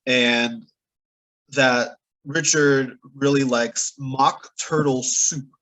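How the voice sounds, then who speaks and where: A man's voice: medium pitch, fairly even intonation, drawn-out words, fairly bright tone, low-quality recording. A man hosting a podcast, recapping a TV episode in a casual, chatty way with playful exaggeration. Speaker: podcast host.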